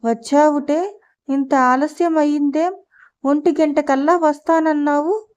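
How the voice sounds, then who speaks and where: A woman's voice: sits high, steady tone, a little slow, darkish tone, highs cut off. A woman reading a fussing, thrifty mother. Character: thrifty anxious middle-aged mother.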